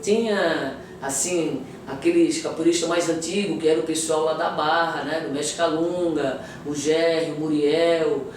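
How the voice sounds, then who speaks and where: A woman's voice: deep voice, steady tone, darkish tone. Woman, echoey room from afar. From Florianópolis, Brazil. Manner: thoughtful, unhurried, frequent "né" tags and restarts. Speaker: capoeira master interviewee. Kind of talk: reflective interview reminiscence. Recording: very echoey room, distant mic, noisy background.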